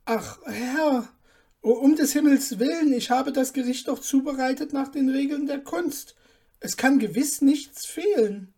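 A woman's voice: high-pitched, a little slow, warm tone, voice pushed up. Nase, a woman doing a frightened dwarf cook. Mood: pleading. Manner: pleading, fearful, begging. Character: frightened little dwarf cook, a young man. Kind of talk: storybook reading.

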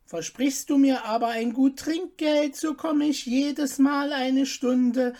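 A woman's voice: sits high, fairly even intonation, takes it slowly, warm tone, pitched above the performer's own voice. A woman reading an audiobook and voicing a man, a court jester who teases and mocks. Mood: mocking. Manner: teasing, mocking.

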